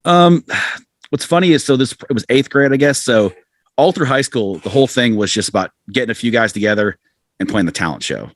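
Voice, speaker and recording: He talks a little fast in a mid-range voice, and there's no room sound. The speaker, an American rock musician in his forties from the southern United States, guests on a podcast and casually rambles through stories at his own expense.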